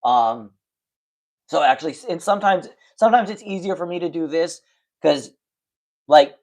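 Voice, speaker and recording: A man livestreams late at night, chatting frankly and casually with viewers in a rambling way full of fillers and restarts. A stutter makes him repeat words and start sentences over. His voice is a little high, expressive, and darkish, at normal speed.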